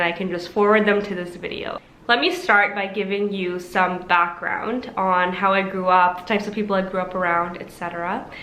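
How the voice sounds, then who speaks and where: Young woman vlogging, bright chatty voice, echoey room. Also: mid-range voice. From Pakistan-born, raised in Toronto. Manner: chatty, lots of likes and asides. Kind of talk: casual chat to camera.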